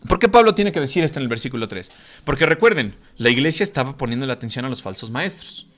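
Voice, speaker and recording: A man's voice: medium pitch, sing-song, fast, a bit bright. A man teaching a Bible class as a pastor, emphatic and scolding, full of rhetorical questions. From Mexico. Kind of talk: sermon-style Bible lesson.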